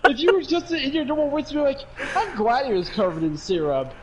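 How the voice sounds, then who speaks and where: A young man co-hosting a casual podcast, his voice high and bouncing all over. He rambles, swears freely and breaks into laughter. A faint background hum sits under the talk. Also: expressive, a little fast, low-quality recording. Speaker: podcast co-host. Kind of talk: casual chat.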